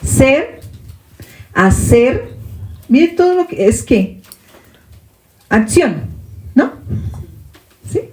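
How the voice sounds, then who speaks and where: Colombian Spanish woman teacher, mellow and fairly high voice, echoey room, questions for the flock. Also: very animated, very slow, pauses often. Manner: checks in with listeners by asking questions. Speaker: Bible teacher. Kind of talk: congregational Bible teaching.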